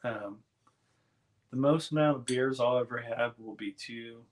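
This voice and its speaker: A man hosting a casual live stream, chatting in a relaxed, rambling way and reading viewers' comments aloud. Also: mid-range voice, unhurried.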